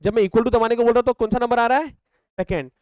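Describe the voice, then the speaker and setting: A man's voice: very high-pitched, steady tone, fast, darkish tone, clear, resonant tone, no room sound. A young man with an Indian accent teaching a math lesson, mixing Hindi and English and asking his class questions that he answers himself. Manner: talks over calculator steps, counting terms aloud. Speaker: math tutor.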